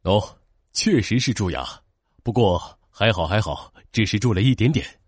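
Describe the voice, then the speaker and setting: A man's voice: fairly low pitch, animated, moderate pace, husky, no room sound, clean studio sound. A man playing a kindly, reassuring dentist in a children's story. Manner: gentle, reassuring.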